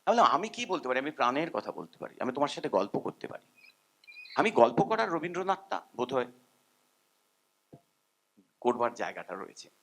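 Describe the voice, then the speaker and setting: A man's voice: mid-range voice, fairly quick, pauses often. An older man, a musician, giving an informal, rambling seminar talk and humming melodies now and then. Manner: animated, rambling, self-deprecating, hums tunes.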